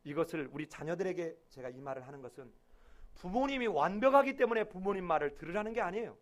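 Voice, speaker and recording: A pastor preaches a sermon in a high, sing-song voice at a fast clip. He acts out quoted voices with sudden loud outbursts, then drops to a murmur as his phrases end.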